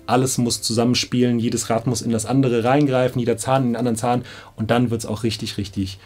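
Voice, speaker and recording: A mid-range, darkish voice with flat, brisk delivery belongs to a man in his thirties directing audiobooks. He explains casually to camera, full of enthusiasm and slang. The setting is a small indoor studio control room with background music.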